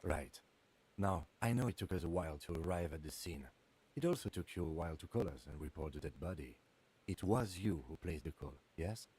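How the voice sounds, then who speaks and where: Calm dry cop lieutenant, a guy putting on a low husky voice, short measured questions. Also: poor audio.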